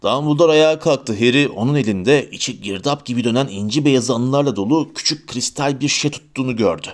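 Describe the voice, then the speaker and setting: A man narrating a fantasy novel as an audiobook, with a steady, expressive reading. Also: medium pitch, a little fast.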